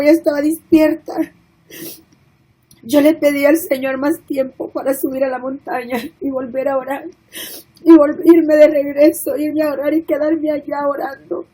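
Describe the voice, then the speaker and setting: High-voiced woman giving a tearful testimony. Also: warm tone, rough recording. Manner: earnest, emotional, tearful at times. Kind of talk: spoken religious testimony.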